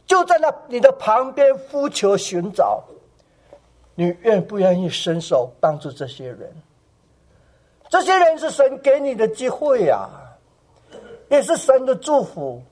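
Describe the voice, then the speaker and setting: Animated high-voiced male preacher. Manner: animated, asks the congregation questions; acts out quoted voices in a soft, hushed tone. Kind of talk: sermon.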